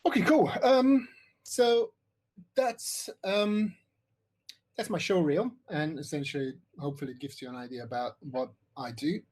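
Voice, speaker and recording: A man's voice: fairly high pitch, measured pace, a little mellow. A middle-aged man from Hungary giving an online workshop presentation on visual effects, rambling with many fillers and restarts over a computer mic.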